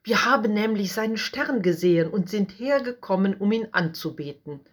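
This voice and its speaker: A woman voicing a group of wise male stargazers who talk with eager excitement. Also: mid-range voice, normal speed, natural voice. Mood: earnest.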